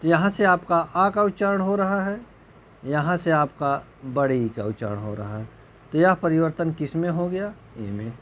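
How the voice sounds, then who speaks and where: A man teaching a recorded exam-prep grammar lecture, repeating points slowly, often clearing his throat, and checking whether students understood. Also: expressive, a bit bright, a little hiss or hum. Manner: slow, repetitive, checks understanding with rhetorical questions; voice drops low at the end of answers. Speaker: Hindi teacher.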